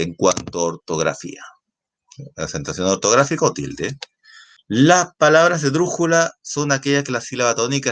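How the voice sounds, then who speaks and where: A man's voice: sits low, fairly bright tone. A man teaching a class, explaining patiently and repeating points with checking questions. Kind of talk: classroom lesson.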